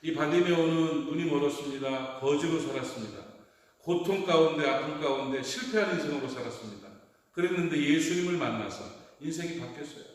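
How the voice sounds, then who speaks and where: A man, a pastor, preaching a sermon with animated delivery, acting out cries and dialogue from the story. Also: a little high, a little fast, very echoey, long reverb tail, distant mic. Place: church sanctuary.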